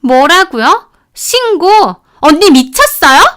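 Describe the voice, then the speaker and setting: A woman's voice: very high voice, sing-song, takes it slowly, pushed and bright, pitched above the performer's own voice, full character voice. A woman voicing a bratty young sister-in-law who screeches indignantly in a spoken drama story. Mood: shrieking, indignant.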